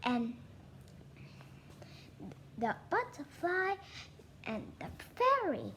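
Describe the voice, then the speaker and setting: A woman retelling a fairy tale in halting, simple phrasing, often restarting her sentences. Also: very high-pitched, sing-song, fairly bright tone, slight background noise. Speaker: storyteller.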